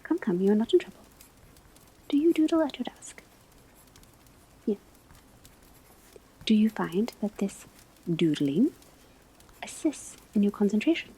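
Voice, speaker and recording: A woman's mid-range voice, very breathy and mellow and frequently sliding into a whisper, carries this soft ASMR roleplay in which she is a calm witchcraft-school teacher. Her speech is unhurried, formal and measured, with a gently strict tone. The recording is rough.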